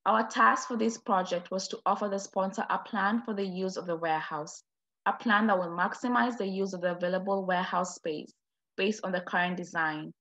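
Woman, student presenter, formal read-through of a project overview, mid-pitched and even. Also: a little fast.

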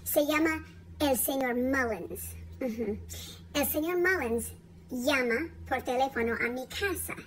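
A woman telling a story slowly and clearly for language learners, playful and animated, with frequent laughs. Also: high voice, a little hiss or hum. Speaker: Spanish teacher telling a story.

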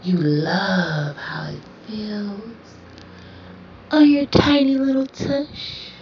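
A young woman speaking slowly in a soft, breathy half-whisper, soothing yet commanding and repeating her phrases. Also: mid-range voice. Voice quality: breathy, often slipping into whisper. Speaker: roleplay audio performer. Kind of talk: whispered hypnotic roleplay ASMR. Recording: roomy, distant, dull lo-fi sound with faint hiss.

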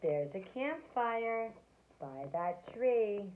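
A woman voicing a cheerful, shivering snowman, with drawn-out, loud lines in a storybook reading. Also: mid-range voice, lively intonation, slight background noise. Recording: tinny phone-like sound.

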